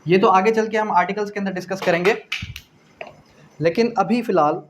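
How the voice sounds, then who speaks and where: The recording is muffled, with faint noise running under it, as a Pakistani man lectures on law in a slightly high, fairly quick voice. Preparing students for exams, he goes point by point, repeats phrases didactically, asks questions he then answers, and uses English legal terms throughout.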